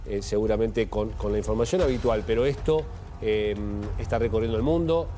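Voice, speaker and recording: A middle-aged man with an Argentine accent anchoring a live TV news panel, speaking in a measured way with fillers. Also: fairly low pitch, mellow, soft background music. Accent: Argentine Spanish. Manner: measured, thinking aloud with fillers. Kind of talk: live studio panel discussion. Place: TV news studio.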